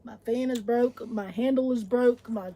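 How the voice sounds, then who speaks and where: Husky woman, chatty and complaining. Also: fairly high pitch, unhurried, warm tone. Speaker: co-host of a travel vlog. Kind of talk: casual chat.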